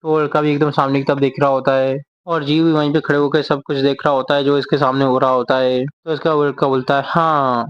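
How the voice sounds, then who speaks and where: Flat-voiced male manga storyteller. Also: mid-range voice, a little fast, few pauses, smooth, dry recording, highs cut off. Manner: steady narration, quotes characters' lines without acting them. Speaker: manga explainer.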